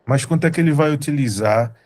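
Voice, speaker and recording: A Brazilian man from Recife, co-founder of a studio, presents online in a fast, somewhat high, slightly mellow voice. Emphatic and informal, he speaks right to the audience and keeps restating his points.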